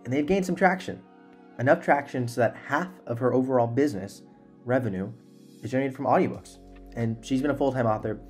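Soft music plays beneath this young man's medium-pitched, darkish voice as he talks a little fast. He's a podcast host recording at home in a small room, close to a desktop microphone, earnestly and emphatically handling introductions and interview questions in a conversational way.

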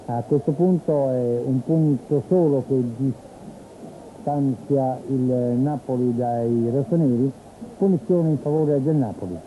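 A man from Italy giving live football play-by-play commentary on television, in a measured, descriptive way with pauses. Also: mid-range voice, mellow. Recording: tinny phone-like old TV broadcast, noisy stadium. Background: stadium ambience.

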